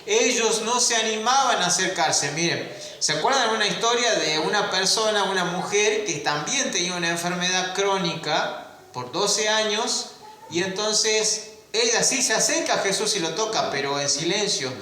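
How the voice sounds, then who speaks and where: A man's voice: sits high, expressive, normal speed, bright, forceful tone. A man preaching a sermon, questioning his listeners and drawing out key words. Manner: asks the congregation rhetorical questions, stretches key words. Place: church. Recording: very echoey church room.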